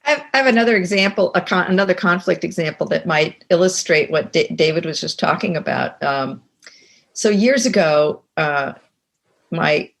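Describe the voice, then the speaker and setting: A woman's voice: lowish voice, normal speed, gravelly. A middle-aged woman talks as a guest on an interview show. She tells a personal story with energy, acting out the lines of each person in it. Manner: animated storyteller, acts out quoted dialogue. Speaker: guest, co-author and professor.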